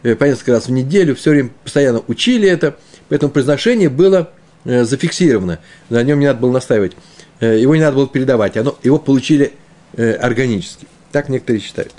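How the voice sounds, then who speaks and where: A man teaching a Talmud lesson, explaining the text aloud, often repeating himself and slowing down on Hebrew terms. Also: mid-range voice, animated, mellow.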